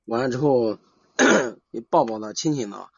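A man calling in for advice, chatting casually in a hesitant, halting way and repeating himself. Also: mid-range voice, lively intonation, vocal fry, husky, dry recording. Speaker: caller seeking advice. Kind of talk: casual chat. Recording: dull lo-fi live call.

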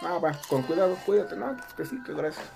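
A young woman with a Mexican accent and a very low voice tells a story to friends. She acts out the dialogue and swears freely. Music plays clearly behind her. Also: animated, fairly quick. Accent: Mexican Spanish. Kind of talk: casual chat.

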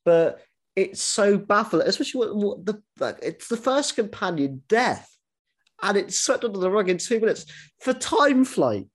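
Animated, sweary male podcast host. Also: sits high, moderate pace. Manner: animated, frequent swearing and false starts. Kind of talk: casual podcast chat.

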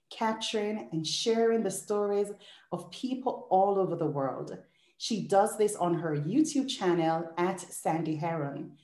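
A woman's voice: medium pitch, darkish tone, roomy sound. A woman hosting a podcast, reading an intro in an effusive, rhythmic listing style and then interviewing a guest. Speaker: podcast host.

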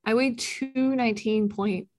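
A woman in her thirties hosts a casual faith podcast in person with a co-host in the same room. She's chatty, laughs often and says "like" a lot, speaking a little slowly at medium pitch with fairly even intonation.

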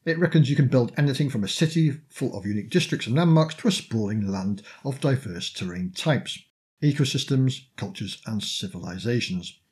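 A male podcast host with a mid-range voice talks casually through a list of tabletop projects. He is chatty and self-interrupting, often letting his phrases sink lower as they finish. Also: expressive, a little fast, a little mellow.

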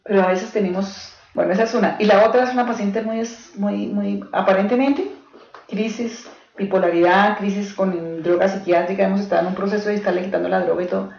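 A woman's voice: mid-range voice, fairly even intonation, fairly quick, vocal fry, a little mellow. Earnest woman teaching in an echoey room. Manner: earnest, direct, tells stories from pastoral cases; keeps checking in with the audience. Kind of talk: teaching talk to a live group. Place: room with a small live group. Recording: echoey room, dull lo-fi, faint hiss.

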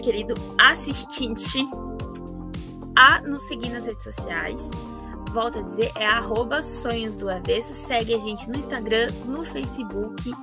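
Hosting a relaxed podcast interview, a Brazilian Portuguese-accented woman talks with lively emphasis and frequent exclamations. Her pitch runs on the high side.

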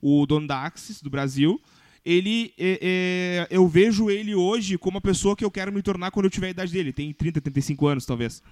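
A young man from hosting a podcast, telling stories in a relaxed, slangy way. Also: high-pitched, a little fast. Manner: relaxed, storytelling, informal slang. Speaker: podcast host. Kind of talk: casual podcast chat.

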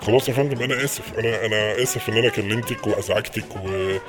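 A man's voice: on the low side, over music. An Egyptian man making a prank phone call. He speaks politely and keeps stumbling over and repeating his words. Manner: polite and fast, with many hesitations and repeated words. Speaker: prank caller posing as an official.

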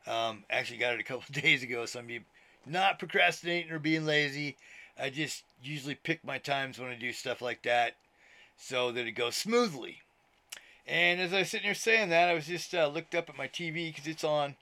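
A man's voice: on the high side, moderate pace, pushed and bright. A man of sixty, a minister hosting his own podcast, talking casually from home in a chatty, meandering way, swearing now and then and often laughing. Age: 60s. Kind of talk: casual rambling monologue. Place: indoors at home, TV on. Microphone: laptop.

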